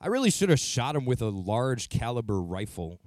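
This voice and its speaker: Male host, comedic, animated, flustered, music under. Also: mid-range voice, moderate pace. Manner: flustered, incredulous reactions. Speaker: podcast host. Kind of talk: comedic sketch. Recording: music playing behind.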